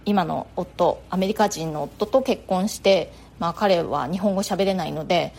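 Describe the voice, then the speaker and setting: A woman's voice: fairly low pitch, measured pace, gravelly, a little mellow. A middle-aged Japanese woman hosting a podcast in a chatty, casual monologue full of fillers. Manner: chatty, frequent filler words. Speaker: podcast host.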